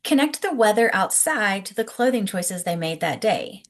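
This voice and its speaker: A woman presenting scripted teaching tips as an early childhood educator, explaining clearly and encouragingly and speaking directly to the listener. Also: mid-range voice, lively intonation, moderate pace. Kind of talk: instructional presentation, scripted narration to camera.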